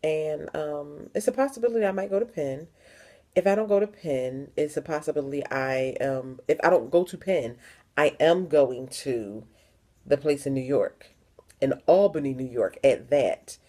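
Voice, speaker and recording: A woman's voice: low-pitched, moderate pace, warm tone. A young adult woman from the Philadelphia area, talking frankly and emphatically in a personal vlog, repeating words for stress. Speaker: vlogger.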